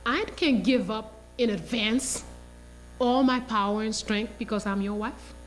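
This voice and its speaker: A woman voicing a calm, firm young woman who speaks quietly and steadily. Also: a little high, a little slow, soft background music, lightly acted, poor audio.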